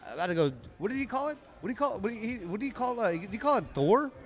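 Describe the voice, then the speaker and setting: Very animated and pitched high, this podcast co-host talks casually at a live bar recording, with faint music behind him. He rambles cheerfully and keeps breaking off to restart his sentences.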